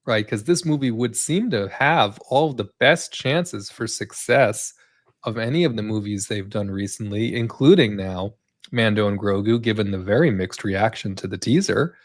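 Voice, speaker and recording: A man's voice: on the low side, moderate pace, no room sound, clean studio sound. A man co-hosting a live entertainment news chat, talking in long rambling runs full of fillers and tag questions. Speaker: co-host.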